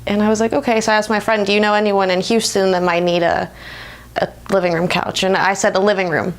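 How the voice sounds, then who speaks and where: A woman in her twenties from the United States talks informally and reflectively in a conversational interview, laughing often. Her medium-pitched voice keeps a level tone, and she speaks fast.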